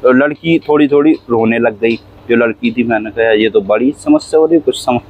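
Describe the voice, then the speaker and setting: In a relaxed interview, a man who drives a cab spins a long, repetitive story, coughing often and voicing what other people said. He talks fairly quickly in a mid-range voice with a breathy edge, and the audio is dull.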